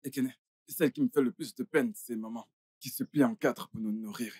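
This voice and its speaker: An actor playing a resigned older brother in a dubbed film, with a soft, husky voice. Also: male voice, mid-range voice, fairly quick, no room sound, clean studio sound, close to an everyday voice.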